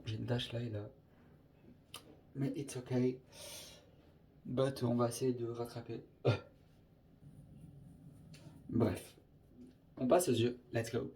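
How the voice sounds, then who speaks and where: A man's voice: mid-range voice, dark tone, a little hiss or hum. A young man chatting casually through a makeup tutorial, rambling and scattered, dropping English filler words. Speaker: makeup vlogger.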